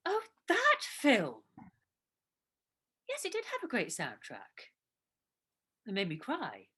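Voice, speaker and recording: This is a nervous London woman in a stage drama, played by an actress, worrying aloud while she cooks for her partner. Her voice is bright and fairly high, and it swings widely in pitch. She talks in a hesitant way and keeps restarting her sentences. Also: wildly swooping pitch, takes it slowly, husky, heavily acted. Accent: London English. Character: anxious woman cooking dinner for her partner. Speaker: actor in a two-hander play. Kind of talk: naturalistic stage drama dialogue.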